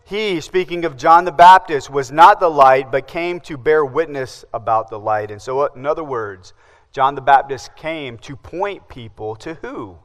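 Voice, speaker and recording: A man's voice: medium pitch, lively intonation, a little slow, big-room sound. A man preaching a sermon as pastor, asking the congregation questions and answering them himself.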